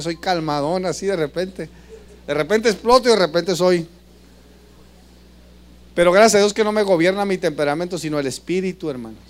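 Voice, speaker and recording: A man preaching a sermon as pastor, asking the congregation questions and swinging between loud passages and soft ones. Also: high voice.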